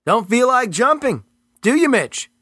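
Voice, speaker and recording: A man reading the part of a cold male federal agent who talks in a smooth, condescending, taunting way. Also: very high voice, big pitch swings, unhurried, fairly bright tone, no echo, studio quality, pitched above the performer's own voice, full character voice.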